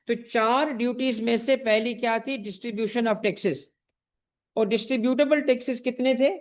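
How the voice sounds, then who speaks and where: With a very high voice, a man teaches a tax class for exam preparation that is also streamed online. He throws questions at his students and answers them on his own, calls them by fond names, and repeats the essentials.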